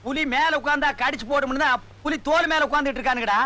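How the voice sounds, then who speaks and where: Brief: shrill, bright-toned village sorcerer-priest, mocks and berates everyone. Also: male voice, very fast. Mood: scolding. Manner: scolding, insulting, mocking. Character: loud bullying male village sorcerer-priest, middle-aged, scornful. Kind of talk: 1990s film comedy dialogue.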